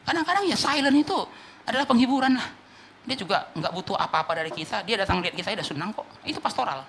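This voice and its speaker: A man preaches a sermon as pastor, his voice bright and ringing. His pitch leaps around expressively as he fires off rhetorical questions. He swings between forceful peaks and hushed asides. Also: animated, fast talker, vocal fry, a little hiss or hum. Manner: preaching with rhetorical questions, acting out people he quotes.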